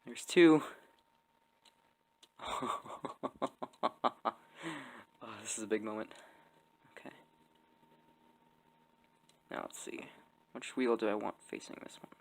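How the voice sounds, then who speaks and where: A man narrating his hobby model build to a phone camera, excitable, laughing often and apologizing as he works. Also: on the low side, moderate pace, vocal fry, long pauses, low-quality recording. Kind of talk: casual hands-on vlog narration. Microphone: phone camera on a stand.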